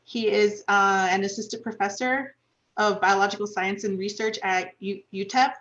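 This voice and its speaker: A woman hosting an online talk who introduces the guest in a measured, slightly hesitant way. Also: medium pitch, steady tone, a bit bright, dull audio. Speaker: host. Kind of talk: introducing a speaker.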